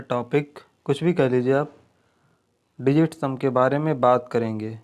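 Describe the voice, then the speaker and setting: Male maths teacher, patient step-by-step explainer, mid-range pitch. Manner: explains step by step, often checks with "ठीक है". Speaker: math teacher. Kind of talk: video lesson at a board.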